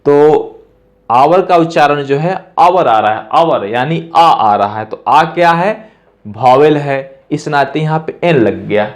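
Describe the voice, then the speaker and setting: Brief: male teacher, slightly high voice, slow, patient, repeats himself, checks understanding. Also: animated. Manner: patient, repeats points, asks "clear?". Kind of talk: grammar lesson explaining step by step.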